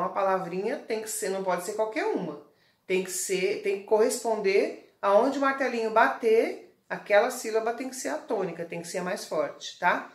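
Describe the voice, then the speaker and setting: Patient Brazilian teacher, echoey room. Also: female voice, mid-range voice. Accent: Brazilian Portuguese. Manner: patient, explains slowly, frequent "tá?" checks. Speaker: primary school teacher. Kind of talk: recorded online lesson.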